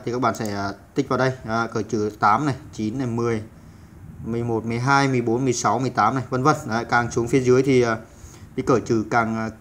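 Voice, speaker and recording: A man hosting a step-by-step computer tutorial, hesitant with many filler sounds, patiently repeating each instruction. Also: mid-range voice. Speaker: channel host teaching computer basics.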